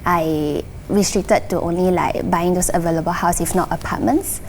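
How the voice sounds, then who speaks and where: A woman's voice: on the low side, fairly even intonation, normal speed, a little mellow, slight background noise, low-quality recording. A woman with a Singaporean accent talking casually and earnestly on a panel, explaining things at length. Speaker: guest sharing personal experience.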